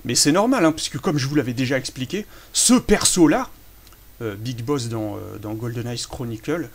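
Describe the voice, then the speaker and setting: A man's voice: medium pitch, animated, normal speed. A man chatting casually through a behind-the-scenes commentary on his own fan film, self-amused and full of hesitations.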